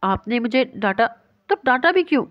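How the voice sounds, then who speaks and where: A shy young woman pleads and sulks like a child, as a woman narrator voices her in a storybook reading. Her voice is fairly high and plaintive. The recording is dry and a touch dull. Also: no echo, natural voice. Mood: shy, sulky.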